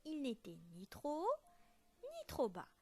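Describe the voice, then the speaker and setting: A woman teacher reading a children's story aloud in a slow, expressive storytelling voice. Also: high voice, faint music behind.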